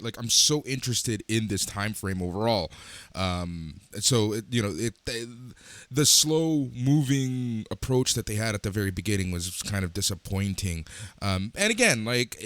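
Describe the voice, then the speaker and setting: A man co-hosting a podcast, chatting casually in a measured, agreeable way, with plenty of fillers. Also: lowish voice, a bit bright, no room sound. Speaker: podcast co-host. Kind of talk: casual chat.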